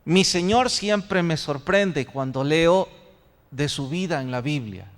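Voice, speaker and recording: A man's voice: on the high side, animated, slow pace. A man preaching a sermon as pastor, posing rhetorical questions to his congregation. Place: church sanctuary. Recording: long church reverb.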